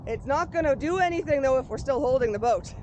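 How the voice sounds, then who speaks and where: A woman coaching paddlers in an informal, encouraging way, giving careful, unhurried step-by-step instructions outdoors. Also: sits high, lively intonation, highs cut off. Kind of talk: hands-on sports instruction. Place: outdoors on a boat. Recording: very noisy outdoor recording.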